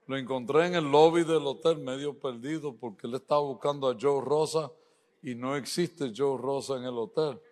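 A man's voice: medium pitch, moderate pace, darkish tone. Joking preacher man in a reverberant hall. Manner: joking storyteller, playful asides to the congregation. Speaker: guest preacher. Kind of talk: humorous sermon in a church service. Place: church sanctuary.

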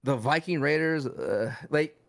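A man with a fairly high voice, co-hosting a podcast in loose, lively chat. He talks in bursts and restarts his sentences a lot. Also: unhurried, vocal fry. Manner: animated, jumps into mock voices and restarts. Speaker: podcast co-host. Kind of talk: casual chat.

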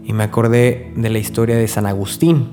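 Earnest man with a mellow voice. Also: lowish voice, fairly even intonation, fairly quick. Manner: earnest, conversational, speaks straight to the listener. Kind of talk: spoken spiritual reflection. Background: faint background music.

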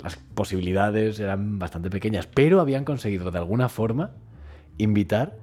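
This man's voice is lowish and breathy-edged, and he speaks fairly quickly. As co-host of a casual chat podcast, he tells an animated dream story, voicing the crowd himself.

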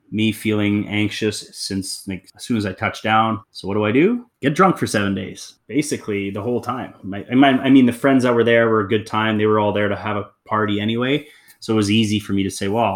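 A man in his thirties, an interview guest telling his personal story in a candid, reflective, loose conversational way. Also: on the low side.

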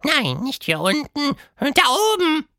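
A very high, squeaky storybook monster, gleeful and mischievous, his pitch leaping all over the place. He drawls with a gravelly fry and a bright, tense edge. The sound is dry and close. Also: very animated, measured pace, dry recording, full character voice. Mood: cheerful. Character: playful magical male monster, mischievous and affectionate. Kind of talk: storybook reading.

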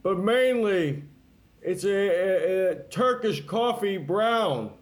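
A man's voice: high-pitched, expressive, slow. A man co-hosting a podcast in improvised comedy banter, joking in an absurd, rambling way. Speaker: podcast co-host.

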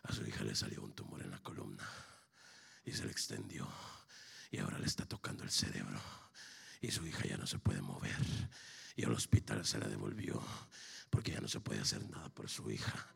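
Raspy gravelly preaching man. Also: extremely low pitch, steady tone, fairly quick. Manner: preaching storyteller, swings from shouting to hushed whisper. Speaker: pastor. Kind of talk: sermon.

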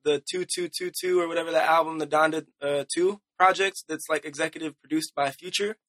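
Fast-talking young man, bright and dry. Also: fairly high pitch, steady tone, dry recording. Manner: loose, filler-heavy, says "bro" a lot. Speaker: podcast guest musician. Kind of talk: casual chat.

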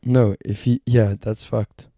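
A man's voice: on the low side, flat delivery, a little slow, dark tone, no room sound, studio quality. A young adult man chatting casually as a podcast co-host, slangy, sweary and joking. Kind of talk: casual chat.

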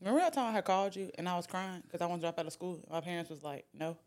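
A woman's voice: on the low side, racing, darkish tone. A young woman hosting a podcast, chatting casually, swearing and laughing a lot. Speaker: podcast host. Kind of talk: casual chat.

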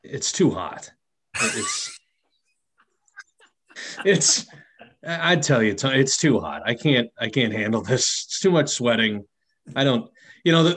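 A man's voice: mid-range voice, animated, a little slow, pauses often, fairly bright tone. A man co-hosting a casual chat podcast, trading dry, teasing banter. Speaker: podcast co-host.

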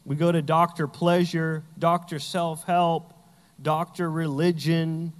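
A man's voice: fairly high pitch, level tone, slow, in a large hall. A man preaching a sermon as pastor, telling Bible stories with humor and acting out the characters.

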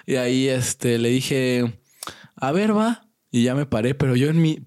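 Young Mexican man, podcast co-host, playful storyteller who mimics voices, middle pitch. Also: moderate pace, clean tone. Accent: Mexican Spanish. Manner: animated storyteller, acts out quoted voices, laughs often. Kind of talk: casual storytelling chat.

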